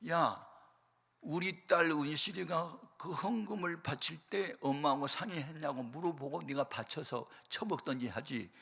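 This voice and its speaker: A male preacher voicing a drunk, furious middle-aged woman who swears and shouts at a pastor. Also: medium pitch. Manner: shouting, swearing, slurred rough speech. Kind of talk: acted quote in a sermon. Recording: long hall reverb.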